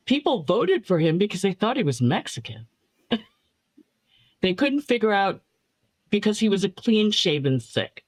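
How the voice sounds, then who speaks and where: Speaking at a measured pace with long pauses and big pitch swings, this woman has a mid-range voice and no room sound behind her. She's a New York City filmmaker, Chinese as her first language, warmly telling stories as an interview guest, repeating words for emphasis and laughing lightly.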